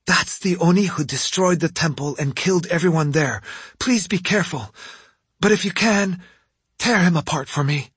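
A man voicing a soft-spoken young woman. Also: a little high, normal speed, slightly rough, no echo, pitched above the performer's own voice. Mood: pleading. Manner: soft, pleading. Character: gentle young woman fox-girl.

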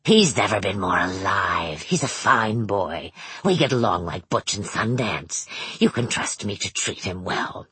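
A woman's voice: extremely low pitch, lively intonation, measured pace, fairly bright tone, slightly rough, dry recording, voice pushed down, heavily acted. A woman reading a novel aloud, voicing a sinister older man who talks in a falsely polite carnival barker's voice. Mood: smug menace. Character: sinister older man, sunny showman charm, menacing.

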